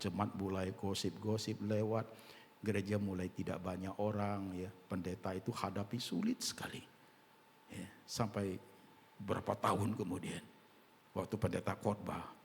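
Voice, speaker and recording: Low gravelly pastor guy preaching hard, throws in english words, big echoey church hall. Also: a little mellow, slight background noise. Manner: emphatic, mixes in English phrases. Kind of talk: sermon. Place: church auditorium.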